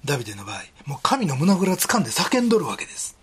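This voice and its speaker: A man's voice: fairly high pitch, huge pitch swings, racing, husky. A male pastor with a Kansai accent, preaching a sermon in an earnest, conversational way and often dropping into a whisper. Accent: Kansai Japanese.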